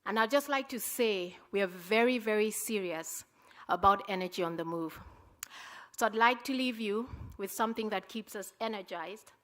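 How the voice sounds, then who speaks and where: A woman giving an energetic acceptance speech, repeating phrases and rallying the audience. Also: mid-range voice, normal speed. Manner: energetic, repetitive, rallying the crowd.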